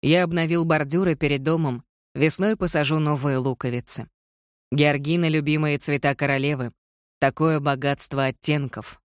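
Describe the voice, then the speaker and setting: An audiobook reader voicing a courteous, evasive young gentleman in a polite, reassuring manner. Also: mid-range voice, fairly even intonation, moderate pace, clear, resonant tone, no echo, clean studio sound, close to an everyday voice.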